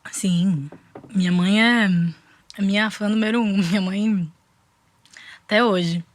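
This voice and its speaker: A young Brazilian woman with a Bahian Portuguese accent speaks slowly at a medium pitch with fairly even intonation, and there's no room sound. She's a guest artist in a casual interview, reflecting thoughtfully, often restarting her sentences and using fillers.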